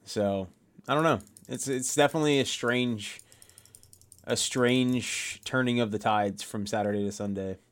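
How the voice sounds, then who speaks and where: A man's voice: medium pitch, a little slow. A man co-hosting a podcast, chatting casually and rambling with lots of restarts and fillers. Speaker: podcast co-host. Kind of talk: casual chat.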